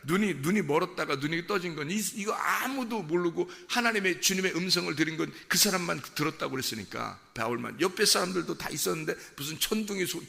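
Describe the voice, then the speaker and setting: Male pastor, lively high voice, fervent sermon delivery, reverberant church hall. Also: creaky. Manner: impassioned preaching, swings from hushed asides to shouts. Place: church sanctuary.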